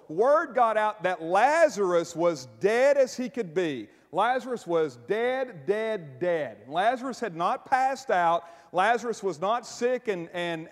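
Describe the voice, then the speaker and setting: High-voiced joking preacher in a reverberant hall. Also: male voice. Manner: animated, joking preacher with frequent "right?" asides to the congregation. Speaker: pastor. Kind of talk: sermon. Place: church sanctuary. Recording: long reverb of a large hall.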